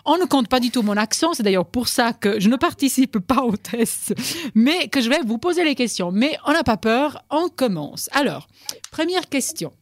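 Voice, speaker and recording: A woman's voice: on the high side, expressive, normal speed. A woman hosting a radio quiz from a studio, teasing her guests and laughing often between questions.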